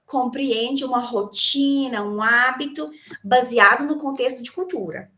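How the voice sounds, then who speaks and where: A woman's voice: high-pitched, measured pace, pushed and bright. A Brazilian woman teaching an English class, explaining terms and asking her students rhetorical questions. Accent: Brazilian Portuguese. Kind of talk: online class lecture.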